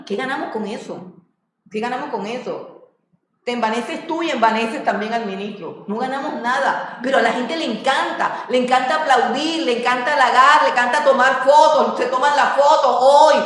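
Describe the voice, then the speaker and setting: A woman teaching a Bible class in a lively way, with mocking asides and laughter. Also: a little high, far from the mic. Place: church classroom. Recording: very echoey room.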